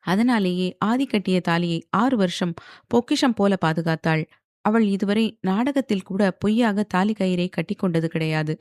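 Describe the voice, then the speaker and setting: A woman with a mid-range voice narrates a romance audio novel at a moderate pace, in a steady storytelling manner. The scripted narration is dry and studio quality.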